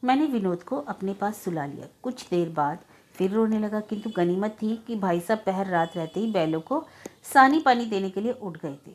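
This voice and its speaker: A woman storyteller narrating a story in a slow, somber reading manner. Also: medium pitch, lively intonation. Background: faint music.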